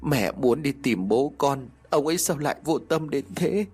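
A man voicing a hoarse, grieving old grandmother. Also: medium pitch, expressive, normal speed, a little mellow. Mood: tearful. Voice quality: hoarse from weeping.

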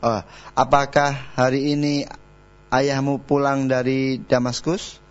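A male student reads lesson examples very slowly and with care. He sometimes stumbles as he translates. The broadcast sound is dull and lo-fi. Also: mid-range voice, level tone. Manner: hesitant, careful reading. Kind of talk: reading and translating in class.

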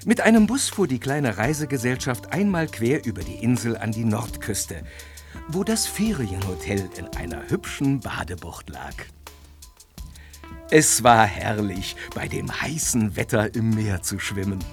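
A man's voice: fairly low pitch, very animated, a little slow, soft background music. A man narrating a scripted children's adventure audio drama.

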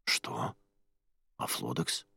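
A man reading the part of a calm, cautious young male friend in an audiobook. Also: very slow, no room sound, clean studio sound, full character voice.

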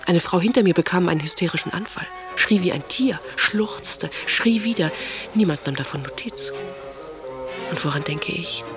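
An actress plays a passionate aristocratic woman writer, reading her letters over music in an intimate, often half-whispered way for a radio drama. Her natural voice sits on the low side, with lively intonation at a normal speed, and the mood is musing.

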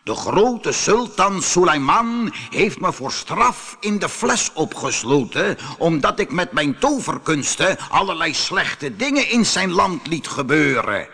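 A giant, vengeful genie bellows high and loud, his voice strained and gravelly as he roars threats, put on by a man reading a storybook. The shouting swings wildly up and down. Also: sing-song, measured pace, few pauses, heavily acted. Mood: bitter, boastful. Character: huge vengeful male genie from a bottle.

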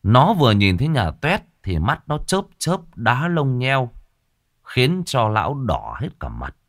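Lively male narrator for a comic ghost story, colloquial and earthy, very animated. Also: medium pitch, a little slow.

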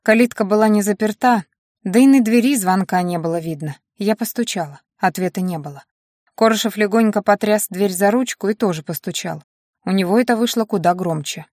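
A woman's voice: mid-range voice, a little fast, darkish tone, dry recording, studio quality. Woman narrating a first-person audiobook.

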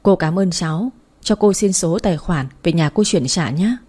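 A woman voicing a brash, talkative older woman who scolds bluntly and loudly, in a read-aloud story. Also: lowish voice, breathy edge. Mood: wheedling. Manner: blunt, scolding, quick to shout.

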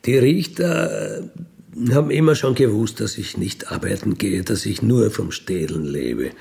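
A man of fifty-one with an Austrian accent tells the story of his life as a career criminal without a script, using a colloquial, matter-of-fact style and often ending statements with a questioning tag. He has a fairly low, expressive voice that is creaky and mellow, at a slightly slow pace.

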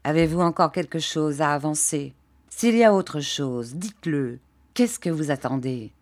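A woman voicing a sly, bitter young man who speaks low and resentfully. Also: a little slow, natural voice. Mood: sullen. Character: sly, bitter young clerk, cornered and sullen.

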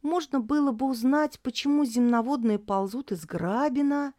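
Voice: sits high, normal speed, darkish tone, no room sound, studio quality, pitched above the performer's own voice, close to an everyday voice. A woman voicing a curious young girl in a storybook reading, with eager, questioning speech. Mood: musing.

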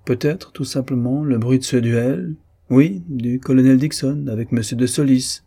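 A man's voice: mid-range voice, normal speed, gravelly, dark tone, husky, voice pushed up. A man reading the part of a teasing, indulgent older male doctor in a novel.

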